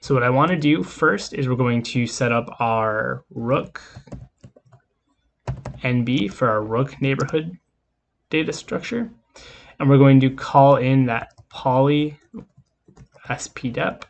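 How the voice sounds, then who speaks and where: A man teaching a recorded coding lesson in an easygoing, explanatory way. His voice sits at an ordinary middle pitch and he talks through each step as he goes. Keyboard clicks and typing come through behind him. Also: slow, creaky, long pauses, slight background noise. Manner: casual, explanatory, talks while typing code. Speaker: lecturer. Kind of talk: screen-recorded coding lecture.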